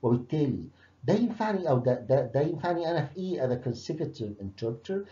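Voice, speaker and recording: Man, Egyptian accent, lecturer, lively pitch, many uhs, dull roomy recording. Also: fast. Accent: Egyptian Arabic. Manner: explains step by step, asks the class rhetorical questions, hesitates with many uhs. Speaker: university lecturer. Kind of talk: recorded lecture mixing Arabic and English.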